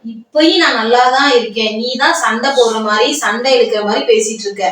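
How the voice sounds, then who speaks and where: A woman's voice: a little high, a bit bright, very echoey, far from the mic, poor audio. A woman pranking her husband at home, bickering insistently and repeating herself. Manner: insistent, repetitive, quick bickering. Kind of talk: staged couple argument. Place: home room.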